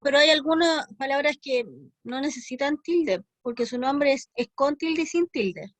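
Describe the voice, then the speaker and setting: A woman's voice: sits high, normal speed, dry recording. A woman student asking her teacher questions in class and insisting on clarifying her point. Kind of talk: class discussion.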